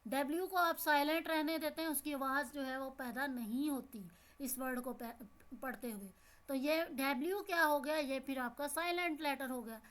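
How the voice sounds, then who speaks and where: Speaking at a moderate pace in a high, fairly bright voice, a teacher with a Pakistani Urdu accent walks young children through an English lesson. She repeats every word and puts questions to the class.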